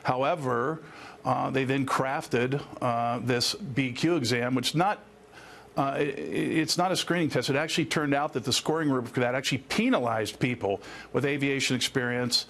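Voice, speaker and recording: Appearing as an expert guest in a news interview, this man is an attorney and former air traffic controller who explains things in earnest detail using formal, legal phrasing. His voice is mid-range and fairly bright, delivered at a moderate pace.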